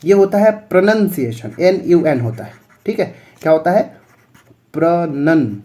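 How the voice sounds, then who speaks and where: A man's voice: high voice, big pitch swings, normal speed, warm tone. A male teacher explaining English spellings for exam preparation, spelling words out letter by letter and checking in often.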